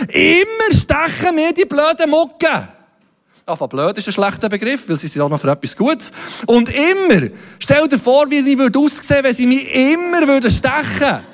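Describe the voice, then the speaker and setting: A man preaching a sermon, telling stories with playful asides. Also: sits high. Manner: lively storytelling with playful asides. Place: church hall. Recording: long hall reverb.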